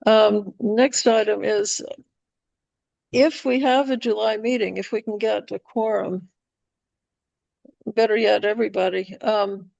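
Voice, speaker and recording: A woman's voice: medium pitch, creaky, a little mellow, no echo. A woman chairing a committee, speaking informally, recorded in dull, muffled meeting audio.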